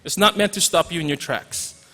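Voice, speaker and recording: A teacher from Hawaii in his forties, with a Hawaiian accent, gives an informal commencement speech filled with jokes and Pidgin asides. His fairly high voice is bright and forceful at normal speed, with faint music behind him. The large hall lends the recording reverb.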